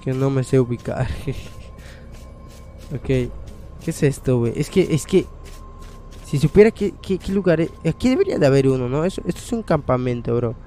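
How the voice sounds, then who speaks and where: A young man, commentating his own horror game playthrough in a casual way, swearing, thinking aloud and breaking into loud startled outbursts. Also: mid-range voice, lively intonation, fairly quick, faint music behind. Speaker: gaming channel host.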